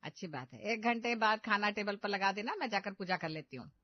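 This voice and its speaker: A woman voicing an exasperated middle-aged mother-in-law who scolds loudly in a cartoon story. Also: mid-range voice, animated, fairly quick, no room sound, highs cut off, lightly acted. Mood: weary.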